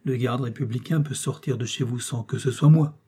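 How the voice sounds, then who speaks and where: Male reader as a gruff excitable general, emphatic, dark voice, husky, storybook. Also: mid-range voice, moderate pace.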